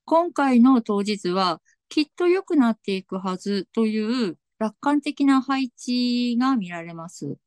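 A woman astrologer with a slight Tsugaru accent, giving a slow, deliberate reading with soft fillers. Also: a little high, expressive, no room sound. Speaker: astrologer guest.

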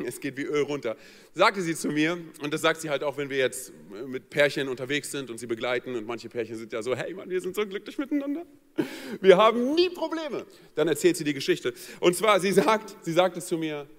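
A man's voice: on the high side, brisk. A man telling a funny personal story in a sermon, acting out the voices of the people in it. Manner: lively, joking, acts out quoted voices. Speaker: pastor. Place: church hall. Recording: long church hall reverb.

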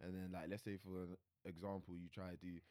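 A man's voice: sits low, little pitch movement, fast talker, dark tone, dry recording, studio quality. A young man with a London roadman accent, chatting casually in a group with blunt, slangy phrasing. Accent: London, urban street slang. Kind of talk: casual banter in a group discussion.

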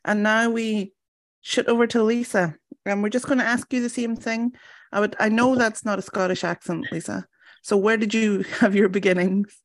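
A woman hosts an interview in a conversational style. Her voice is mid-pitched for a woman, and she puts questions to guests and responds to their answers. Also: fairly even intonation, normal speed. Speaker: interview host.

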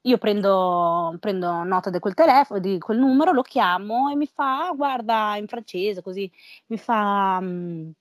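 A woman's voice: mid-range voice, a little slow, no echo, clean studio sound. A young woman telling stories in a casual group chat, slangy and informal, acting out the dialogue she quotes.

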